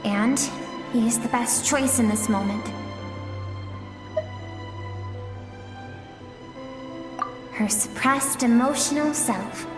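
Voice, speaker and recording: A woman voicing the gentle, suppressed emotional self of a warrior in a dramatic video game, earnest and pleading. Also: fairly high pitch, a little slow, natural voice. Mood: solemn, wistful. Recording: long echoing reverb, music underneath.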